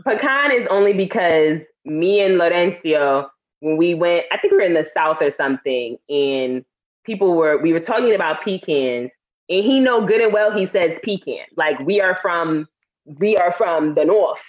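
Casual laughing woman from harlem, low-pitched, muffled lo-fi audio. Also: expressive, moderate pace. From Harlem, New York. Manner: laughing, chatty storyteller. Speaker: co-host. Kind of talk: casual chat.

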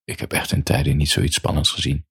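A man with an extremely deep voice talks to his listeners in an unhurried, musing monologue. His tone is breathy and husky throughout, and he also reads a story aloud. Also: completely flat delivery, dry recording, clean studio sound. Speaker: podcaster. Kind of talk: reflective monologue, then reading a story aloud.

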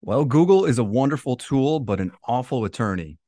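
A man's voice: medium pitch, animated, a little fast, mellow, no echo. Man explaining on a dry-sounding podcast. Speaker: financial advisor and podcast co-host. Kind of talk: prepared explanatory podcast talk.

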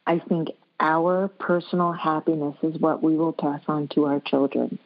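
A woman guest expert giving calm, earnest advice in an interview. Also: low voice. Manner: measured, earnest explaining. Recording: dull lo-fi sound.

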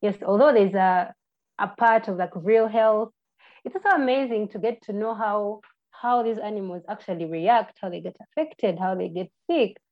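Ugandan woman, twenties, chatty podcast guest, a bit muffled. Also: medium pitch. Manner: friendly, halting, with restarts and fillers. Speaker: podcast guest, birding tour guide. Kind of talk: casual interview answers. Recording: slightly muffled lo-fi audio.

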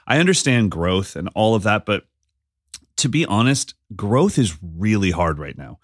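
A man co-hosting a casual podcast conversation, telling stories with animated energy and slipping into voices when he quotes people. His voice sits a little low for a man, recorded close and dry with no room sound. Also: unhurried, no echo. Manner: animated storyteller, acts out quotes. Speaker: podcast co-host. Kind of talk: casual chat.

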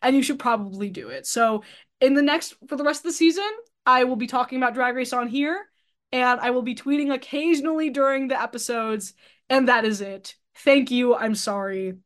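A woman's voice: sits high, brisk. A woman speaking as a podcast guest, rambling in a blunt, self-deprecating way with lots of fillers. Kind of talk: casual podcast chat.

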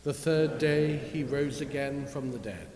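A man formally reciting a creed at a measured pace in a church service, with cathedral echo around his voice. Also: medium pitch, a little mellow. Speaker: worship leader. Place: large reverberant church, indoors. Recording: cathedral echo, long reverb, hiss.

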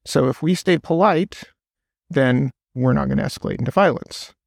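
Guy with a gravelly voice telling a story on a podcast, dry close sound. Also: medium pitch, moderate pace, no echo. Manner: explains at length, storytelling with quoted voices. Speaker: podcast guest. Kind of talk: casual conversation.

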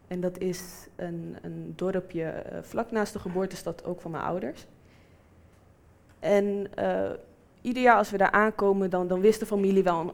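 A woman in her twenties telling a personal story and acting out the people in it. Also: medium pitch. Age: 20s. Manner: lively, acts out quoted voices.

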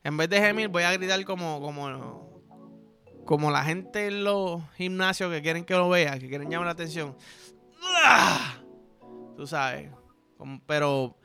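A man's voice: a little high, moderate pace, creaky, bright, forceful tone, faint music behind. A man with a Puerto Rican accent hosting a podcast, rambling through a crude comic monologue full of slang. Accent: Puerto Rican Spanish. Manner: rambling, vulgar, joking, heavy slang. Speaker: podcast host.

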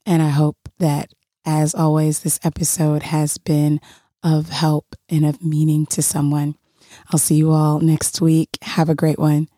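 Low, hoarse, froggy-voiced woman podcast host. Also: completely flat delivery, dark tone, no room sound, clean studio sound. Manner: earnest, halting, encouraging. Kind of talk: podcast sign-off addressed to listeners.

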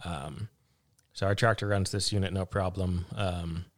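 A somewhat low-pitched man talks casually about his farm work as an interview guest. He hesitates often, trails off and restarts his sentences, with an easygoing, unhurried manner. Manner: relaxed, hesitant with many fillers and restarts, laughs easily. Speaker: vegetable farmer guest.

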